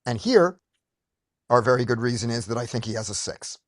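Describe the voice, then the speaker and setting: A man's voice: mid-range voice, lively intonation, brisk, no room sound, studio quality. A man leading a poker study group on a video call, explaining step by step with frequent restarts. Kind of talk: casual teaching discussion.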